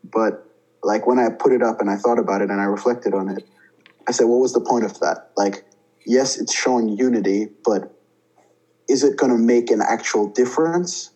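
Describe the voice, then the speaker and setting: A man's voice: medium pitch, moderate pace, darkish tone, poor audio. A young man from India, a student guest, talking thoughtfully with fillers and restarts. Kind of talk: casual interview talk.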